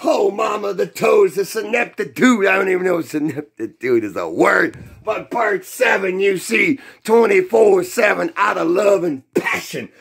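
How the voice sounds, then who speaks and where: High gravelly man shouting a fan rant. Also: moderate pace, hardly any pauses. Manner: shouting and whooping, rambling. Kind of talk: excited devotional fan rant. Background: music.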